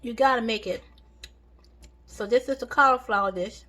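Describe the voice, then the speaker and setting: A woman's voice: on the high side, moderate pace, pushed and bright. A woman hosting a home cooking video, chatting homely as she talks viewers through each step in her kitchen. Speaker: home cooking channel host. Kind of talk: casual cooking demonstration.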